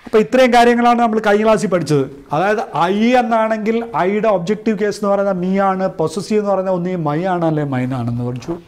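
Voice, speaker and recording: Malayali guy teaching grammar, slightly high voice, slow and repetitive, keeps asking right?. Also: a little mellow. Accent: Malayali English. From Kerala, India. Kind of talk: classroom-style grammar lesson.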